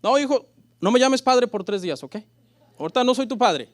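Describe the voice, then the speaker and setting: Stern, dismissive father, acted out by a male pastor, high voice, dry recording. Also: expressive, brisk, no echo. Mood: scolding. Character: stern father scolding his child.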